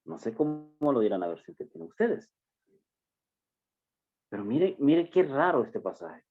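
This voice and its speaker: A man preaching a sermon, addressing the congregation as brothers and stressing phrases slowly and emphatically. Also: medium pitch, very animated, breathy edge, faint music behind. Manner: slow, emphatic preaching with drawn-out words. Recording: dull lo-fi recording.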